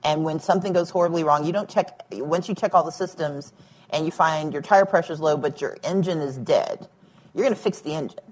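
A woman's voice: deep voice, brisk, a little mellow, breathy edge, low-quality recording. A woman speaking at a public event, a former candidate for governor, emphatic and dryly humorous with homely analogies. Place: event room with a live audience.

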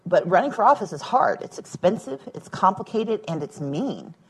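A woman's voice: mid-range voice, big pitch swings, moderate pace, breathy edge, low-quality recording. A woman speaking at a public event, a former candidate for governor, emphatic and dryly humorous with homely analogies. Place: event room with a live audience.

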